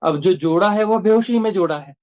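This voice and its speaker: A man's voice: high-pitched, fairly quick, a little mellow. A man, giving a reflective spiritual discourse as a teacher and repeating phrases for emphasis.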